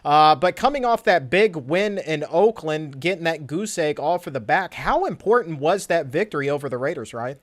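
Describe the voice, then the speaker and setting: A man's voice: fairly high pitch, expressive, moderate pace, few pauses. An American man hosting a sports interview, with a polished presenter delivery and playful, mock-formal phrasing. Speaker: sports show host, interviewer.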